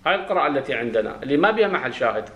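Iraqi sheikh teaching grammar in echoey room. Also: male voice, medium pitch, big pitch swings, fairly bright tone. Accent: Iraqi Arabic. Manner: explains slowly, quizzing students, chanting verses. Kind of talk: classroom grammar lesson. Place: classroom. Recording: roomy classroom echo.

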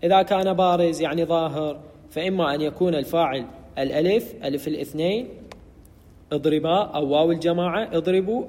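Male grammar teacher, methodical lecturer, slightly high voice with a long reverb tail. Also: a little mellow. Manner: methodical, repeats key terms and corrects himself. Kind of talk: explanatory lecture.

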